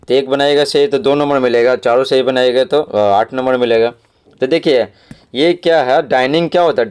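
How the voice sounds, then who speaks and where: A man teaching schoolchildren. He explains exam answers, spells words out letter by letter and reads the English lines slowly. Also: mid-range voice, a little mellow, clean tone. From Bihar, India.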